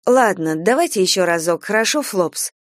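A woman's voice: medium pitch, animated, moderate pace, no room sound, clean studio sound, close to an everyday voice. A woman reading aloud voices a firm, protective young woman who lays down the rules.

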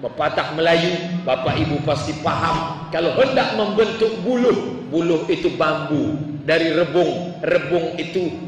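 A man preaching a humorous sermon, telling animated stories and acting out the dialogue. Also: fairly high pitch, unhurried, hardly any pauses, soft background music. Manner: storytelling, animated, acts out dialogue. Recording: echoey hall, distant mic, faint noise.

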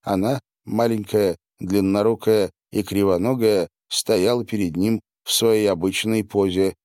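A man narrating an audiobook in a measured, expressive reading. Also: on the low side, no echo, clean studio sound. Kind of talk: scripted narration.

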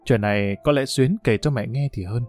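A man reading the lines of a calm young male village cadre who speaks softly but with a quiet menace. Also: medium pitch, normal speed, soft background music, lightly acted. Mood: quiet, controlled. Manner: soft-spoken, controlled.

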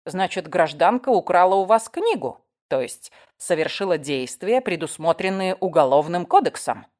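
A woman voicing a gruff male police sergeant who barks impatient questions. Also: fairly low pitch, lively intonation, normal speed, darkish tone, natural voice. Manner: barking, impatient.

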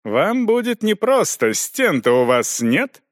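A man's voice: high voice, sing-song, slow pace, dry recording, studio quality, voice pushed up, exaggerated voice. A man putting on a nervous, fretful baron. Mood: uneasy. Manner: unsure, fretful. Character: nervous cautious male baron, noble.

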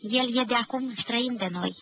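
A woman giving a measured, grave literary reading of a novel, from a 1990 radio archive recording. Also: fairly high pitch, highs cut off, a little hiss or hum. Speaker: reader.

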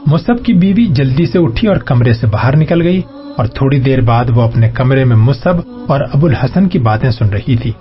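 A man reads a historical novel aloud in an even, formal manner. His voice sits at a middle pitch. The audio is muffled and lo-fi, with faint music underneath. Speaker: narrator.

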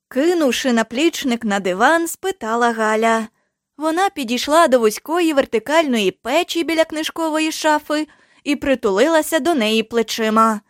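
A woman reads an audiobook aloud with a measured, unhurried storytelling manner. Her voice sits high, and the studio recording is dry and close. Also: dry recording. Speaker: audiobook narrator. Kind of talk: scripted narration. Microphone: studio microphone.

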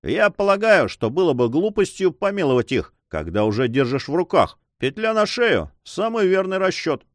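A man's voice: on the high side, big pitch swings, moderate pace, hardly any pauses, no echo, studio quality, pitched above the performer's own voice. A man voicing a self-satisfied, swaggering Spanish coast guard captain in an audiobook. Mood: boastful.

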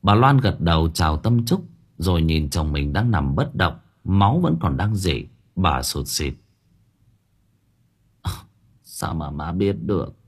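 A man narrates a story with a husky, slightly rough voice. His pitch swings widely as he tells it, and his delivery is expressive and lively. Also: a little slow. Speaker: audiobook narrator.

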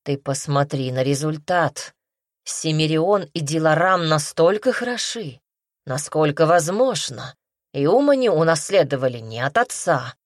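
A woman's voice: deep voice, lively intonation, measured pace, dry recording, studio quality. A woman voicing a talkative, lecturing male creature companion in an audiobook.

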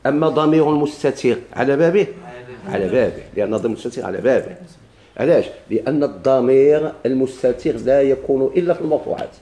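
A fast-talking man with a Moroccan Arabic accent, teaching grammar from a classical text. His voice is dark and mellow. He asks questions and answers them himself, and slows down to quote verses and examples. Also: medium pitch.

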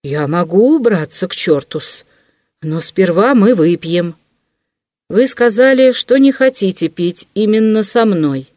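A woman's voice: mid-range voice, expressive, measured pace, darkish tone, dry recording, clean studio sound, close to an everyday voice. A woman reading an audiobook, voicing an insistent, obsequious middle-aged man who keeps pressing for a drink, in a fawning yet stubborn manner. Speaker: audiobook reader. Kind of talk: classic novel audiobook reading.

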